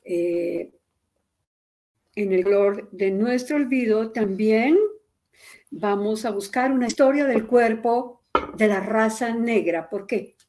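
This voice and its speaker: Slow-spoken woman interviewer. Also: on the high side, darkish tone. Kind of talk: interview questions and read excerpts.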